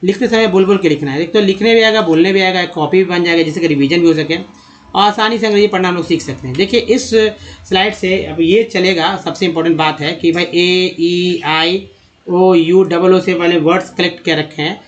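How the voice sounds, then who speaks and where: A man teaches English reading in with a high, light voice. He drags out each word in a list syllable by syllable. Then he speeds up to explain the rules in a direct, coaching way. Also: lo-fi sound. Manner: slow deliberate spelling-out of words, then brisk explaining.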